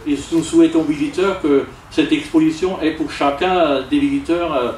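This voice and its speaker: A man's voice: on the high side, fairly even intonation, darkish tone, a little hiss or hum. Hesitant man speaking in an echoey tent. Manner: halting, many hesitations. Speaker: awards ceremony speaker. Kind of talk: formal ceremony speech. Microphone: stand mic, filmed from afar. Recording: echoey, distant camera audio.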